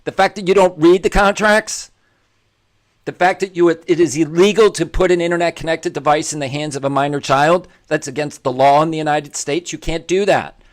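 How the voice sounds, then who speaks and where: A man's voice: a little high, normal speed. A man hosting an opinionated commentary monologue, blunt and self-deprecating, who repeats his points for emphasis. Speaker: commentary show host.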